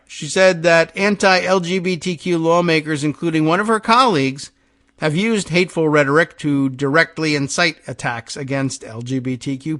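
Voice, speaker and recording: A man with a somewhat high voice reads a news piece aloud on his podcast, stopping now and then for wry comments of his own. The sound is dry and close, with almost no room around him. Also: fairly bright tone, dry recording. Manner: wry asides between read passages. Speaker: podcast host.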